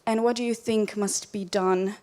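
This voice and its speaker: A woman's voice: mid-range voice, steady tone, moderate pace, a little mellow. Woman asking the panel a question in english, lots of uhs. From Bosnia. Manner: hesitant, with many filler sounds. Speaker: audience member asking a question.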